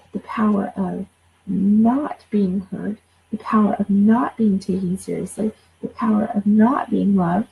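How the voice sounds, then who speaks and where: A woman's voice: mid-range voice, vocal fry, a little mellow, a little hiss or hum, poor audio. A woman in her forties, a life coach, talking casually and bluntly, swearing and repeating herself as she gets going. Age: 40s. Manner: blunt, swears, repeats words when fired up. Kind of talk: casual livestream talk.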